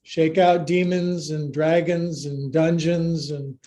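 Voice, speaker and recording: A middle-aged man teaches a live-streamed online yoga class in a slightly high, mellow voice with a flat, slow delivery. He gives brief commands and counts, then slips into playful, folksy joking asides and silly sound words. The room around him is clearly echoey.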